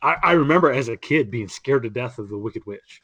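A man's voice: mid-range voice, expressive, brisk, a bit bright, no echo. A man co-hosting a casual podcast, rambling with many restarts and fillers. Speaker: podcast co-host. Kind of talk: casual chat.

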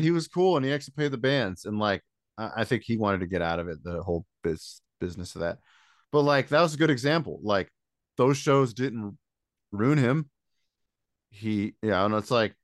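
A man from Michigan talks as a guest on a podcast. His low voice stays relaxed, and he laughs often. The sound is dry and close. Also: dry recording. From Michigan, USA. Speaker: musician guest. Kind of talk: casual interview chat.

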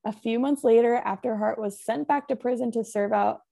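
A woman's voice: fairly high pitch, moderate pace, creaky, dark tone. A young woman podcast host telling a true-crime case in a chatty, casual way, full of "like" and "um". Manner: chatty, full of "like" and "um", laughs often.

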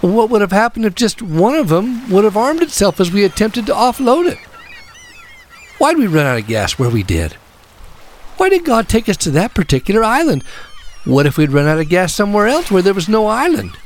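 A man's voice: high voice, sing-song, moderate pace, a little hiss or hum. A man voicing a young wartime air gunner who asks earnest, devout questions. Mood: wondering.

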